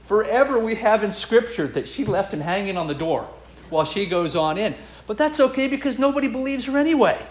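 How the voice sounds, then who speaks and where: A man's voice: sits high, animated, fairly quick, reverberant. A man preaching a sermon as pastor, earnest and emphatic, building and dropping his intensity.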